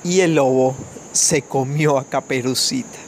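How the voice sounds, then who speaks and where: A man's voice: mid-range voice, heavy background noise. Man telling a fairy tale to children. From Colombia. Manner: gentle, measured storytelling with small restarts. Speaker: family storyteller.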